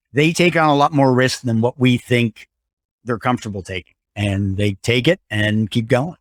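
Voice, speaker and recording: A man who is a guest on a podcast and explains things in a measured way, using filler words. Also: mid-range voice, dry recording, studio quality. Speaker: guest, security awareness advocate. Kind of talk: casual interview conversation.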